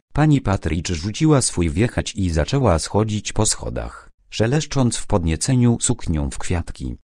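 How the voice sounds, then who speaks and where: A man narrating an audiobook in a calm, measured way. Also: deep voice, no room sound, clean studio sound.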